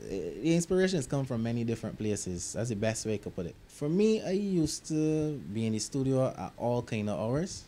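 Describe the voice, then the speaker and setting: A young man from Barbados, a music producer, discusses his work in a recording studio interview, relaxed and reflective and dipping into local grammar. His medium-pitched voice moves at normal speed with hardly any pauses, over a little hiss or hum.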